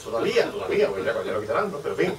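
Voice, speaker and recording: A man's voice: medium pitch, very animated, rapid-fire. A man, a book publisher speaking on a bookshop panel, rambling with many asides and repeated "es decir". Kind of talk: panel discussion. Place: bookshop event space. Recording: distant mic, faint room noise.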